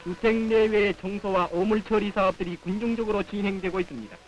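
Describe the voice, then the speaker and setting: A man's voice: high-pitched, fast talker, soft background music, rough recording. A man with a North Korean accent reading scripted 1950s propaganda newsreel narration in a solemn, declamatory manner on an old film soundtrack.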